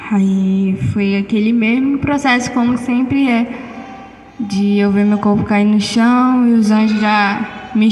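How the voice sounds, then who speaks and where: A woman's voice: mid-range voice, slight background noise. A woman with a Brazilian accent gives a spoken testimony in church, telling her story animatedly and acting out the dialogue. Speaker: church member giving testimony. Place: church hall. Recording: echoey church hall with long reverb.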